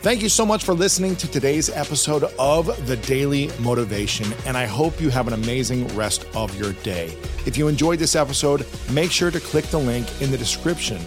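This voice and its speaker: A man reads a scripted podcast sign-off in a steady announcer's delivery, with clear music playing beneath. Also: mid-range voice, brisk, hardly any pauses. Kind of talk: scripted outro read.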